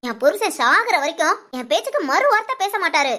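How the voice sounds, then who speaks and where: Older mother-in-law, cartoon, scheming, scolding, Tamil village speech, high bright voice. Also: very animated, fairly quick, exaggerated voice. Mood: grumbling. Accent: Tamil Nadu village speech. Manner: scolding, nagging.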